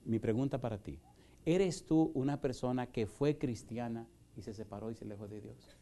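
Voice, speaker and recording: A middle-aged man preaching a fervent sermon in a church. His voice is warm and mellow, at a mid pitch, and it swings from loud, questioning exhortation to a quiet, pleading call. He talks straight to the congregation. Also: normal speed. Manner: impassioned, rhetorical questions, shifts from loud preaching to soft pleading. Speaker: pastor. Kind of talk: evangelistic sermon with altar call. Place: church in Houston, Texas.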